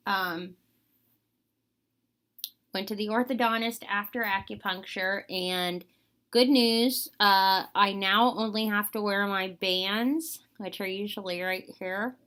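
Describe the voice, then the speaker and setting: Bright, forceful young woman chatting casually. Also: medium pitch, slow. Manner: candid, rambling, wry. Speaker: vlogger.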